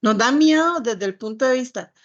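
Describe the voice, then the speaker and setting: A woman teaching a church ministry class, explaining in a measured, reflective way with some hesitant restarts. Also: fairly high pitch, lively intonation, muffled recording.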